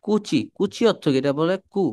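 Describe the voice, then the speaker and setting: A man's voice: fairly high pitch, darkish tone. A man from Bangladesh, teaching a language lesson, repeating words and quizzing the listener. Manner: drills syllables slowly for practice. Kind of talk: classroom-style lesson.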